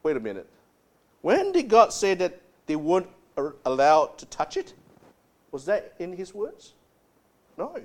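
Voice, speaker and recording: A man preaching a sermon as pastor, speaking emphatically and dropping low and soft to stress key words. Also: wildly swooping pitch, unhurried, pauses often.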